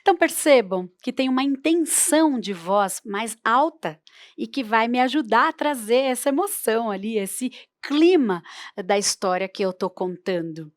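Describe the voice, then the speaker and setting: Playful storytelling teacher. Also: female voice, a little high, lively intonation, unhurried, no echo, studio quality. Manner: playful, demonstrative, varies her voice often. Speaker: storytelling instructor. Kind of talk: workshop talk on oral storytelling.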